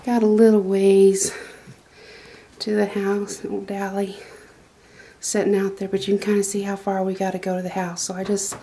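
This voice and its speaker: A middle-aged woman films on a handheld phone camera while giving a rambling, homespun walkthrough of her small wooden goat barn, full of fillers and restarts. Her mid-range, dark-toned voice stays level at a moderate pace, with a little hiss or hum.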